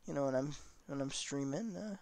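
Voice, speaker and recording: A man's voice: medium pitch, brisk, a little mellow, no room sound. Laid-back young man streaming a game. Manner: laid-back, rambling, talks to viewers as "guys". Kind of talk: casual live-stream commentary while driving a truck simulator.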